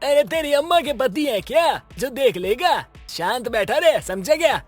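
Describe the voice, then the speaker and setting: An actor playing a bumbling middle-aged thug who blusters with threats and then whines and pleads. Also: male voice, very high-pitched, expressive, normal speed, faint music behind. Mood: menacing. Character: bumbling middle-aged male thug, bullying but cowardly. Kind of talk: cartoon voice acting.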